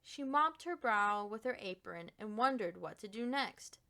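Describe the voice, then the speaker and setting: This children's picture book is read aloud by a woman at a medium pitch. She brings expressive storytelling to it, placing deliberate, dramatic weight on her words.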